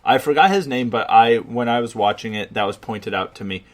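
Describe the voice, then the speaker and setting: A man's voice: medium pitch, fairly quick. A man in his twenties from Chicago, co-hosting a casual podcast chat, rambling and swearing, with lots of fillers. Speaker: podcast co-host.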